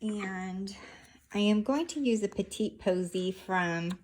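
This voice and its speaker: A woman's voice: medium pitch, a little mellow, a little hiss or hum, low-quality recording. A woman hosting a casual craft tutorial, talking through each step of her handiwork as she goes. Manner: unhurried, narrating each hand movement as she works.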